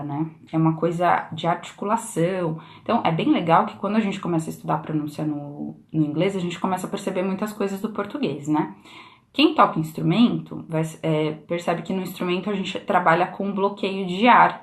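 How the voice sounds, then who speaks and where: A woman from Brazil giving a casual live lesson on English pronunciation, explaining in a chatty way with frequent question tags, recorded on a phone indoors. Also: on the low side. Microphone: phone camera on a live stream.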